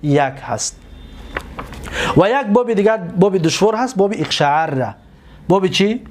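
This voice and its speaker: A man with a Tajik accent teaching a class, repeating terms and quizzing students with quick questions. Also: high voice, animated, a little hiss or hum. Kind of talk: classroom lecture.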